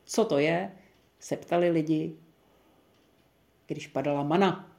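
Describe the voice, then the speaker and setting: A woman guides a small group through a Bible passage in a relaxed, conversational way. She thinks aloud, restarts her sentences and fills her pauses. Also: low-pitched, vocal fry. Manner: thoughtful, chatty, with many fillers and restarts. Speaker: Bible study leader. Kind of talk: leading a group Bible study.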